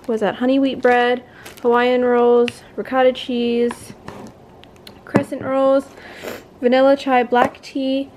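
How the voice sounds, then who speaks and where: A woman's voice: high-pitched, flat delivery, slow pace, a little mellow. Young female family vlogger, casual and rambling, recorded on a camera mic at home with faint room noise. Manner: chatty, rambling, with fillers and self-corrections. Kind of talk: casual vlog chat. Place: home bedroom, then kitchen.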